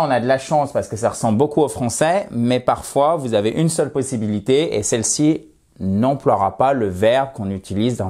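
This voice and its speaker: A man teaching English in French, a lively video lesson where he reads the English example sentences slowly and with stress. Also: medium pitch.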